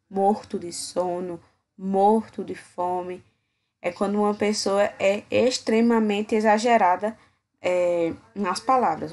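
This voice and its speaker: A young woman teacher walks her students through a grammar lesson. Her voice is breathy and soft-edged at a medium pitch. She talks slowly and patiently, pausing often to check that everyone follows. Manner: slow, patient, checks in with "certo?".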